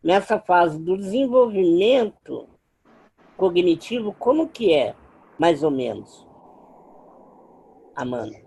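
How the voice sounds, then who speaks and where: A man's voice: high voice, big pitch swings, slow, creaky, pauses often, a little mellow, breathy edge. A man hosting a class conversation, asking guiding questions and checking whether he has understood.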